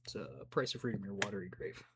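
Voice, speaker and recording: A man playing a card game who explains the rules calmly and narrates each of his plays aloud. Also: lowish voice, fast, background noise. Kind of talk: casual banter while playing.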